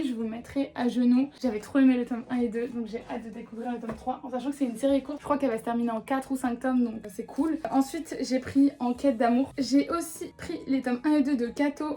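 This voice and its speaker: A woman's voice: high voice, warm tone. Enthusiastic young woman vlogger. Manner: enthusiastic, gushing, self-correcting with fillers. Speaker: vlogger showing a manga haul. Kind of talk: casual chatty haul vlog.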